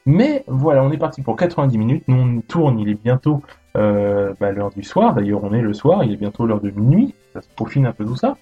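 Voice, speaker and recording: A man's voice: mid-range voice, expressive, brisk, warm tone, breathy edge, dull audio, soft background music. A man hosting a casual gaming podcast, chatty and full of fillers and restarts. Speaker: podcast host.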